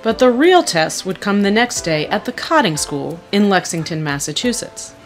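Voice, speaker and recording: A woman narrating a news feature in an expressive scripted way. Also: medium pitch, moderate pace, music in the background.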